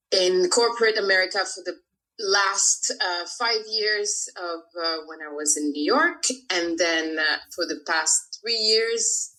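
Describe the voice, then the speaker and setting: A woman in her thirties from France talks casually as an interview guest about her life. Her voice sits low but sounds bright and forward. She speaks in a chatty way, with frequent laughs and fillers. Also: low-quality recording. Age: 30s. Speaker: guest, freediver.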